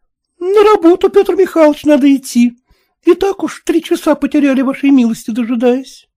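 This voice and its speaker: A man's voice: normal speed, mellow, dry recording, clean studio sound. A man voicing a group of young peasant girls who shrilly demand their pay. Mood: insistent. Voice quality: high and shrill.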